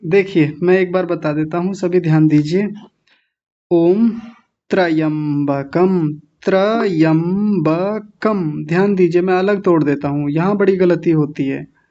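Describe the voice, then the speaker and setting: A man's voice: high-pitched, fairly even intonation, warm tone, dull audio. A man teaching an online class on chant pronunciation. He corrects his students patiently and repeats sounds, drawing syllables out one at a time. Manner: slow, drawn-out syllable-by-syllable chanting demonstrations.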